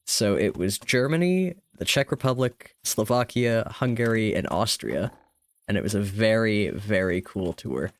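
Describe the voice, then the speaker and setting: Here a man with a fairly low, expressive voice talks in an unhurried way, chatting and laughing lightly on a gaming live stream. Illness leaves him slightly hoarse and tired; he's using a desk microphone.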